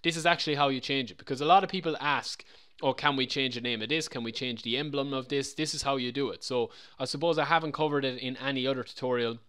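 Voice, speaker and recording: A man's voice: medium pitch, fast, fairly bright tone, clean tone. A man talking casually through a screen-recorded game tutorial, chatty and a little rambling. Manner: chatty, loose, repeats himself. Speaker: game modding tutorial presenter.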